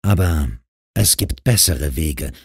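Audiobook: narrator doing a patient, caring man, very deep, husky voice, dry sound. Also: slow pace, dry recording, heavily acted. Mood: earnest. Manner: calm, patient, persuasive. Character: calm, caring grown man who counsels a troubled girl.

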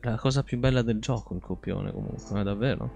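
A man's voice: fairly low pitch, fairly quick, creaky, soft background music. Swearing man streaming a horror game. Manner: reacts loudly, swears, reads game text aloud. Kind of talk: live gameplay commentary and reading aloud.

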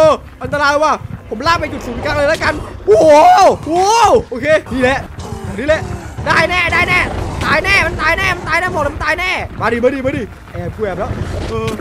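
Gaming host, man, high and loud, chatty and hyped, music bed underneath. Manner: loud, laughing, rapid repeated exclamations. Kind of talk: excited let's-play commentary. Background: game music.

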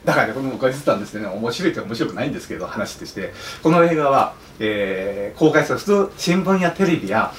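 A man, a film director, speaking to an audience at a talk event, animated and storytelling, now and then slipping into playful dialect impressions. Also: medium pitch, quick pace, few pauses. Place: theater or event hall. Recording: roomy hall, distant mic, faint noise.

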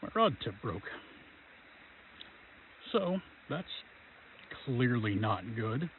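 A man's voice: medium pitch, sing-song, drawn-out words. Easygoing man, tinny outdoor vlog. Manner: easygoing, polite, chatty with a few fillers. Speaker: outdoor vlogger. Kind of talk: casual vlog talk. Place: outdoors by a river. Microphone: camera held at arm's length. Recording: tinny phone-like sound, faint outdoor noise.

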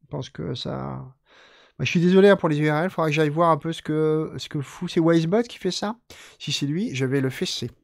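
A man hosting a live poetry reading, reciting texts slowly and deliberately and chatting casually with listeners between poems. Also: a little high, vocal fry, no echo, studio quality. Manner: slow measured recitation, then chatty offhand remarks. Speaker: poetry reader and stream host.

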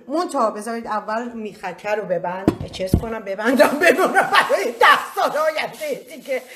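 A middle-aged woman chats her way through a live cooking stream in her home kitchen. Her voice sits a little high. She rambles, hunts for words and often laughs at herself. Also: a little hiss or hum. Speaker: cooking livestream host. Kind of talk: casual live cooking chat.

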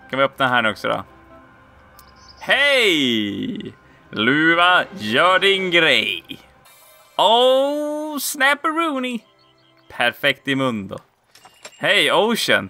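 A man giving casual, playful commentary while playing a video game, often laughing and squealing out high exclamations. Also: vocal fry, sharp tone. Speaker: let's play gamer.

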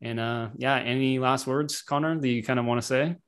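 A man co-hosting a casual podcast chat over a video call, relaxed and rambling with lots of fillers. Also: mid-range voice, brisk, clear, resonant tone. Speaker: podcast co-host. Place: home computer setup.

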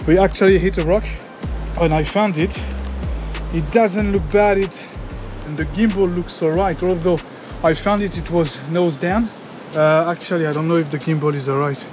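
Out of breath and sweaty from climbing a jungle trail, a French travel vlogger in his thirties talks to the action camera he holds at arm's length. His voice is on the high side and moderately paced, heard over music, as he chats excitedly, addresses viewers as "guys," and curses.

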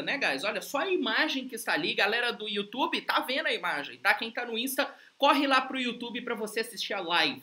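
Bright upbeat Brazilian woman teaching. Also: mid-range voice. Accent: Brazilian Portuguese. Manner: upbeat, coaxing, repeats phrases slowly for drills. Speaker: English teacher. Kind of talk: live-streamed English lesson. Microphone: livestream setup.

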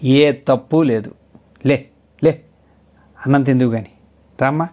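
A man voicing a gentle young husband who speaks softly and consolingly in a storybook reading. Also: medium pitch, a little slow, lightly acted. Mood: tender. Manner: soft, consoling. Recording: tinny phone-like audio.

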